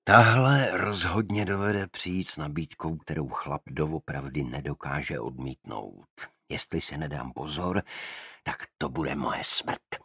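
A wry male detective teases his partners in a low, husky voice, as a man reads him in an audiobook. His humour stays dry, and the voice sits close and dry on the mic. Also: sharp tone, no echo, heavily acted. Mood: wry teasing. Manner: dry, teasing. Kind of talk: audiobook character voice.

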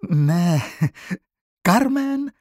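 A man's voice: fairly high pitch, animated, creaky, slightly rough, no room sound, clean studio sound, pitched above the performer's own voice, heavily acted. A man reading an audiobook, voicing a frightened teenage schoolgirl who asks urgent, breathless questions. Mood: startled. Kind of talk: audiobook character voice.

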